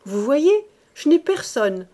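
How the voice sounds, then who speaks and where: A woman's voice: high voice, very animated, takes it slowly, warm tone, voice pushed up, heavily acted. A woman voicing a timid, fretful old male bishop who talks in a plaintive, raised voice with anxious outbursts. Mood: amiable, uneasy.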